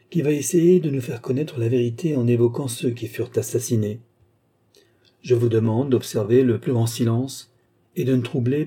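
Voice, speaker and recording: A man's voice: mid-range voice, warm tone, slightly rough, close to an everyday voice. A man reading aloud, playing a stern Scotland Yard inspector who speaks firmly and tolerates no reply. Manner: firm, brooks no reply.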